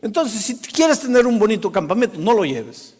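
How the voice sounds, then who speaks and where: A man's voice: high-pitched, sing-song, normal speed, darkish tone, husky, exaggerated voice. A man doing a stern, warning pastor. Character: stern disapproving male pastor. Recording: long hall reverb.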